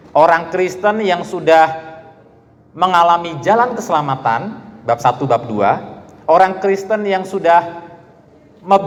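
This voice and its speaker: A man preaching a lively sermon to students, often raising his voice to call out quoted lines and adding playful asides. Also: high voice. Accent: Indonesian. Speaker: pastor. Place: church hall. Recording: long church hall reverb.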